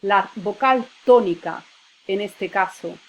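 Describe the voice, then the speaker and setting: A woman's voice: mid-range voice, slow. A woman teacher, patiently explaining spelling rules and spelling out words syllable by syllable. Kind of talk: spelling lesson.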